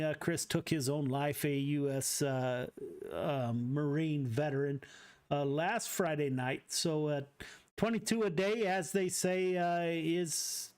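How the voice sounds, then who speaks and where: A man hosts a sim racing broadcast, his voice sitting a little high. He talks in a halting way, stopping and restarting often as he interviews drivers and reads out announcements. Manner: halting, many uh fillers and restarts. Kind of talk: post-race interview and announcements.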